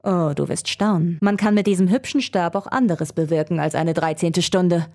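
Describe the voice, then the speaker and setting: A woman's voice: fairly low pitch, normal speed, darkish tone, close to an everyday voice. A woman voicing a scheming male researcher villain who craves world power, speaking in a gloating, theatrical way.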